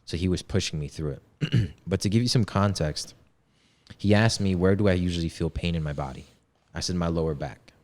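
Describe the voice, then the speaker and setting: Deep-voiced young man telling a story. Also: fairly quick, a little mellow. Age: 20s. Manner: slangy and candid, heavy on "yo" and "bro". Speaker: podcast guest, men's coach. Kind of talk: casual storytelling.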